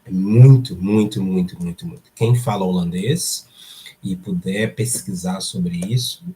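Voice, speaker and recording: Brazilian guy talking on his live stream, kinda deep mellow voice, says stuff again and again to hammer it home. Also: unhurried, slight background noise. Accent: Brazilian Portuguese. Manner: emphatic, repeats words for stress. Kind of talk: casual live-stream talk. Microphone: streaming setup.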